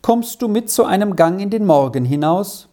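A storyteller voicing a kindly gentleman who speaks friendly to a child. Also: medium pitch, animated, moderate pace, voice pushed up, lightly acted. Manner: friendly, kind.

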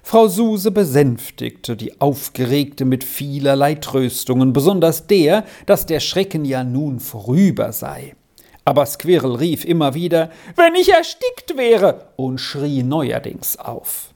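An audiobook narrator reading a children's novel with expressive, unhurried storytelling. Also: medium pitch.

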